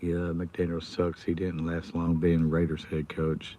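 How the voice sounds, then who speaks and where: Deep, hoarse American man, voice giving out. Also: completely flat delivery, a little slow, mellow. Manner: subdued, holding the volume down. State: hoarse, voice nearly gone. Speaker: livestream host. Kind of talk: casual livestream chat. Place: inside a car in a school pickup line. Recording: noticeable background noise in a car.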